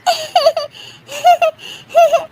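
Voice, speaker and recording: A woman's voice: extremely high pitch, level tone, drawn-out words, darkish tone, pitched above the performer's own voice, full character voice. A woman voicing a young daughter-in-law who keeps giggling, for a cartoon story. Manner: giggles and laughs through every sentence.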